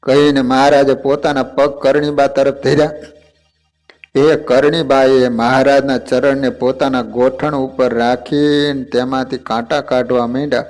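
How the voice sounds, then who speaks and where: A man's voice: medium pitch, little pitch movement, measured pace, darkish tone. A man narrating a devotional story as preacher, speaking to his listeners as devotees. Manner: addresses listeners as devotees, does character voices.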